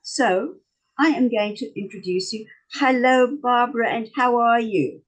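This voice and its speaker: A woman's voice: a little high, a little slow, low-quality recording. A woman with a South African accent hosting an interview over a video call and chatting as she asks questions. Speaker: host. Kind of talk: interview chat.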